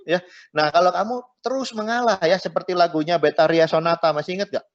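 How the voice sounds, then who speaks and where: Middle-aged pastor guy teaching a marriage class, chatty, bit high voice, muffled lo-fi audio. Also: quick pace. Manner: chatty, tags phrases with "ya", mixes in English words. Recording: dull lo-fi recording.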